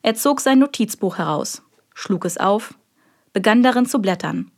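A woman narrating an audiobook in a measured, even storytelling manner. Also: mid-range voice. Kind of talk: scripted narration.

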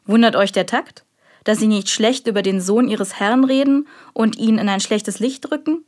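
A woman's voice: medium pitch, moderate pace, darkish tone, natural voice. A woman reading an audiobook, voicing a stern, irritable male magistrate with biting sarcasm. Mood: interrogating. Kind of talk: audiobook character voice.

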